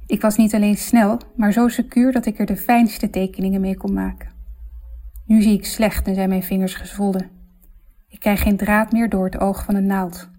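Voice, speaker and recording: A woman reads literary fiction aloud in a reflective, intimate manner. Her voice is warm and mellow, and her delivery is measured. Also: medium pitch, level tone. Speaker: narrator. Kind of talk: literary audiobook narration.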